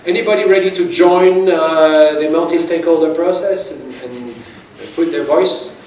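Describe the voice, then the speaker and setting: A man's voice: a little high, moderate pace, darkish tone. A man gives a conference talk in a chatty, self-deprecating way, often restarting his sentences. He sounds distant, and his voice echoes around a large hall. A faint hum of room sound runs under him. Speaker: conference speaker.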